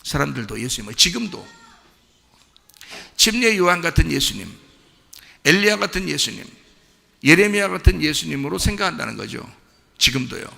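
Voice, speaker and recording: A man's voice: a little high, very animated, normal speed, vocal fry, long pauses, sharp tone, long reverb tail. A male pastor preaching a sermon in a conversational way, quizzing the congregation with repeated questions. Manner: acts out quoted voices to make a point. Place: church sanctuary.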